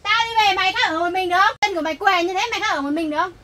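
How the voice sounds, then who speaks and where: A woman's voice: extremely high pitch, very fast, sharp tone, slight background noise. A woman playing a stubborn, combative older woman who argues rudely and defiantly with the police. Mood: belligerent. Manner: defiant, rude and argumentative. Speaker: actor in a family skit.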